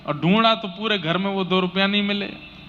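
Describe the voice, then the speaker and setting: A man narrating a devotional story in katha style, with a high voice. He speaks emphatically and repeats phrases for effect. The recording is slightly dull, with faint noise. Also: normal speed, fairly bright tone.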